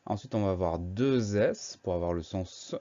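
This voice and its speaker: A man teaching a spelling lesson, explaining each word slowly and patiently and spelling it out letter by letter. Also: low-pitched, dark tone. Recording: dull lo-fi recording.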